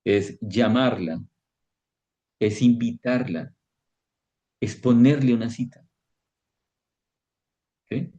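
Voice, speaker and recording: A man teaching a devotional Bible lesson as pastor, slow and questioning, often checking in with his listeners. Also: medium pitch, mellow, slightly rough, lo-fi sound.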